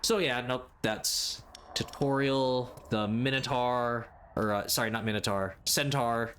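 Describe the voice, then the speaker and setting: A man's voice: medium pitch, steady tone, a little slow, a bit bright, slight background noise. A man hosting a gaming video, thinking aloud in casual, hesitant commentary as he plays. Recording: game music behind the voice.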